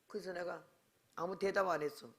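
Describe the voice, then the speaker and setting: A woman's voice: on the low side, fairly even intonation, fairly quick. An older woman preaching at a revival meeting, a blunt, scolding storyteller who acts out both sides of her conversations. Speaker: guest revival preacher, missionary. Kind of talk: revival sermon with anecdotes. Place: church sanctuary.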